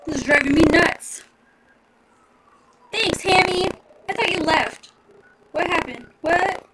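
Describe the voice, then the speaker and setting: A woman's voice: extremely high pitch, slow pace, fairly bright tone, recorded from a distance, a little hiss or hum. A woman in her thirties chatting casually and rambling with her viewers, laughing often. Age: 30s. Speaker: vlogger. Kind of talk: casual live chat with viewers. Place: home with street traffic outside.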